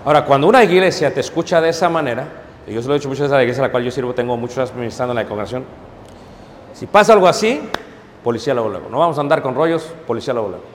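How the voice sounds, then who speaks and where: A man preaching to his congregation, telling stories and calling them brothers, swinging between hushed asides and loud emphatic peaks. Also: mid-range voice, expressive, rapid-fire, big-room sound, slight background noise. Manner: storytelling, addresses congregation as brothers, frequent "¿ok?". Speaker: pastor. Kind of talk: sermon.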